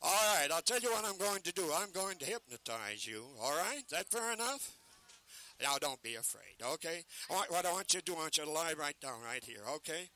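A man working as a carnival sideshow talker, pitching live to a crowd in teasing, declamatory showman's patter. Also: lively intonation, fairly quick, bright, forceful tone.

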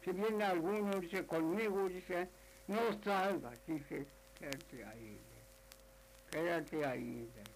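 A clever, bossy talking cat giving orders in a spoken folk tale, as a man puts it on. The voice sits a little high, with a gravelly edge and an unhurried pace. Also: slight background noise, poor audio. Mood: commanding. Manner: bossy, urging.

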